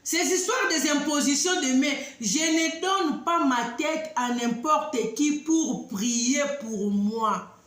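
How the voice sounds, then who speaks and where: A high-pitched woman speaks in a strongly echoing room. She tells a story in an animated, emphatic way, sometimes loud and sometimes dropping to low asides. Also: slow pace. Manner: emphatic, warning, swings between loud outbursts and low asides. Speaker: online talk host addressing women. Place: living abroad in southern Africa. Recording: very echoey room.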